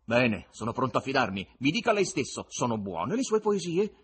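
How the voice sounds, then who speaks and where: A man reading aloud and voicing a nervous, gentle male patient who speaks in a mild, pleading way. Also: medium pitch, sing-song, normal speed, slightly rough.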